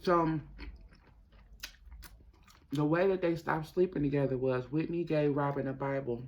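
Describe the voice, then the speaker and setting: Man, slightly high voice, casual mukbang host, gossipy and emphatic, repeats phrases, talks with food in his mouth. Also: steady tone, a little slow, darkish tone, muffled recording. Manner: talks while eating, mouth sometimes full. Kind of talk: casual chatty commentary to viewers while eating.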